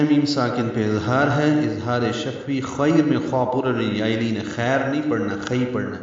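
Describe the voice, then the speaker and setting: Male recitation teacher, deliberate lecture style, heard from a distance in a very echoey room. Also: mid-range voice. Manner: slow, deliberate explanation, chanting example words. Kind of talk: tajweed lesson with recited examples. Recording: very echoey, distant, dull sound.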